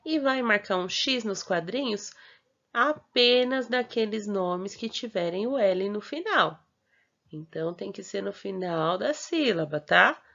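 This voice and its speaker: A woman teacher with a Brazilian Portuguese accent, patiently walking through a homework worksheet. She draws out syllables slowly and keeps checking in with short tags. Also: mid-range voice, creaky. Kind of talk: recorded homework explanation. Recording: dull lo-fi recording.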